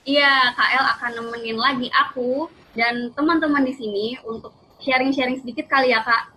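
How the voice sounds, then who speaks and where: A woman hosts in a casual style. Her voice is bright and fairly high, over faint ambient noise. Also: steady tone, fairly quick, low-quality recording. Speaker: host. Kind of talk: casual chat.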